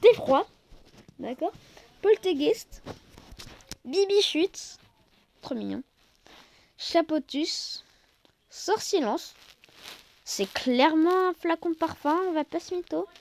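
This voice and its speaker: A woman hosting a card-collecting channel, reviewing a new set in casual commentary, exclamatory, playful and self-mocking, sometimes loud and then dropping to soft asides. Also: very high-pitched, animated, slow, creaky, long pauses.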